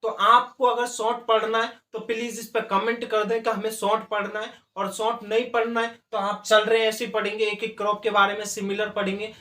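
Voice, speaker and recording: A man teaching an agriculture exam class, dictating notes and repeating key terms slowly. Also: high voice, little pitch movement, bright, forceful tone, roomy sound.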